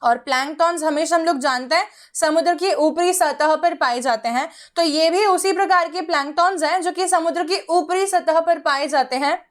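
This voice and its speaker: High-voiced woman teaching biology. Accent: Indian English. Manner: mixes Hindi and English, explains step by step, addresses students directly. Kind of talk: online exam-prep lecture.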